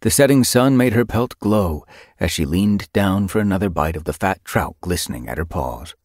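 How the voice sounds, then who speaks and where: A deep-voiced man narrates a fantasy audiobook, his delivery animated and full of rise and fall. The sound is close and completely dry, a studio read with no room around it. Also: moderate pace, dry recording. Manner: expressive, animated storytelling.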